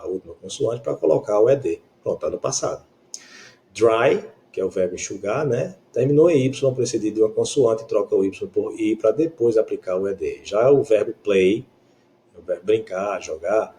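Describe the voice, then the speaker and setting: A man's voice: fairly low pitch, warm tone, a little hiss or hum. A man teaching an English grammar lesson in Portuguese with a Brazilian accent, explaining patiently and often checking that students follow.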